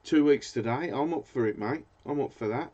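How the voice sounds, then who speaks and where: A man's voice: mid-range voice, fairly quick, darkish tone. A British man hosting a fishing channel, chatting casually in a live stream and rambling as he hunts for words. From Britain. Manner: rambling, hesitant, searches for words. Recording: dull lo-fi sound.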